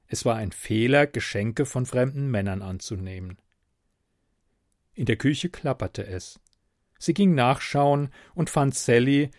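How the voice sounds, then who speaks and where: Slow, expressive male storyteller. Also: medium pitch, dry recording, studio quality. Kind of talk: story read aloud.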